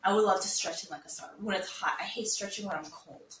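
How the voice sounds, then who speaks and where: A young woman co-hosting a podcast, chatting and telling stories in an animated way. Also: mid-range voice, fast, far from the mic, background noise. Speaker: podcast co-host. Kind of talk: casual chat. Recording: echoey room, off-mic, faint ambience.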